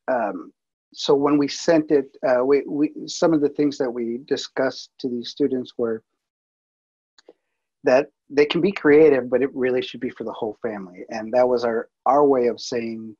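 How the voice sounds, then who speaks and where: This man's voice is medium in pitch, darkish and breathy, recorded with the highs cut off. He is a multimedia producer presenting a workflow over webinar slides in a casual way, with frequent fillers and restarts.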